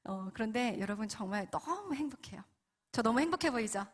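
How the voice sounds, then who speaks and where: A woman's voice: a little high, animated, fairly quick, slight background noise. A woman in her forties giving an earnest testimony sermon at a prayer meeting, often asking the audience questions. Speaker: guest speaker at a prayer meeting.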